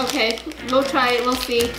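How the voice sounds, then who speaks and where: A woman's voice: a little high, little pitch movement, moderate pace. A woman in her thirties talking casually to young children as a mother hosting a family taste test, instructing them and drawing out each announcement. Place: indoors, living room at a table. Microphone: camera a few feet away. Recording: echoey room with music behind.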